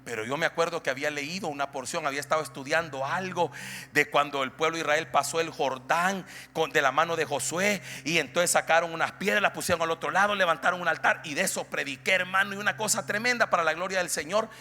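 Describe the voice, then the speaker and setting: A man with a Salvadoran accent preaching a sermon as an apostle, folksy and animated, acting out the voices of people he quotes and building to loud, emphatic preaching. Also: on the high side, fast talker, a little hiss or hum. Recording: church hall reverb with faint music.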